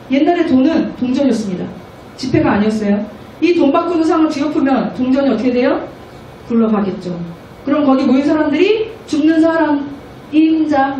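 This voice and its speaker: A woman missionary preaching a sermon at a prayer meeting, animated, often acting out children's voices. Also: sits high, a little hiss or hum. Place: church hall. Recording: echoey room, mic far off.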